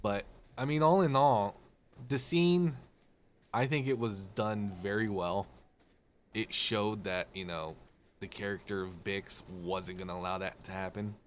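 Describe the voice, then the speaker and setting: A man ranting on a live game stream, animated, sarcastic and full of swearing. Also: fairly low pitch, a little slow, slight background noise. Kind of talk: casual live-stream rant.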